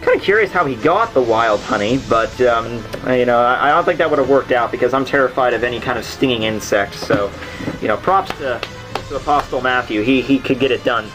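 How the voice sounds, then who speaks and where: The host of a literature summary series explains things casually and without a script, rambling and throwing in jokey asides. His mid-range voice is expressive and fairly quick, though the recording is low quality, with soundtrack music playing underneath.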